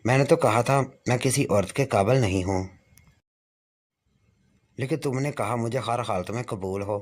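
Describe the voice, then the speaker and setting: A man's voice: mid-range voice, close to an everyday voice. A man voicing a secretive, short-tempered husband who speaks curtly and defensively.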